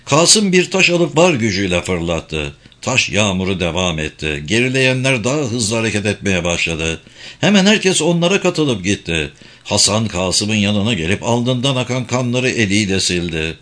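A man reading a novel aloud as a dramatic, expressive audiobook narration. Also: on the low side, moderate pace.

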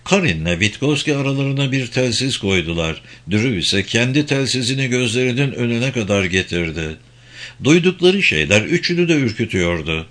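A man narrating a thriller audiobook in a steady, measured reading. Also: mid-range voice.

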